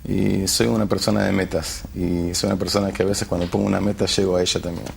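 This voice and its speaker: Deep gravelly man. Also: flat delivery, quick pace, slight background noise. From Argentina. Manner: hesitant, searching for words, many restarts. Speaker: tech company founder guest. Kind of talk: TV interview. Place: television studio.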